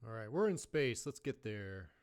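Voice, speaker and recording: Animated joking male streamer. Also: on the low side, normal speed, clean tone. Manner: joking, throws in playful Spanish phrases. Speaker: live streamer. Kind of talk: casual live-stream chat.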